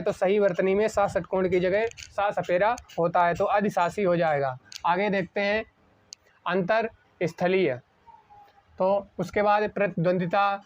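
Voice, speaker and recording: A man with a high-sitting voice teaches an exam-prep spelling lesson at a board. He poses a question, answers it himself, and slows down on each correct word. The recording is dull and lo-fi.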